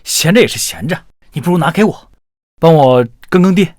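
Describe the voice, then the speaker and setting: A man's voice: a little high, expressive, a little fast, darkish tone, close to an everyday voice. An actor playing a cocky young man who gives bossy, offhand orders. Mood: casual. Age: young adult. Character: cocky young farming genius.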